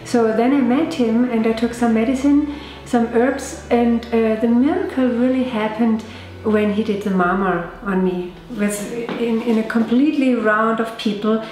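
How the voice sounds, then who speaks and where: A woman's voice: a little high, unhurried, a little mellow. A middle-aged woman giving an earnest testimonial in a small clinic room, often searching for words. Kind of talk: interview testimonial. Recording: very echoey room.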